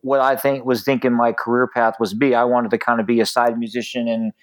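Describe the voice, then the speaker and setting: A man speaking as a musician guest in a casual interview, halting often with frequent ums and uhs. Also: mid-range voice, flat delivery.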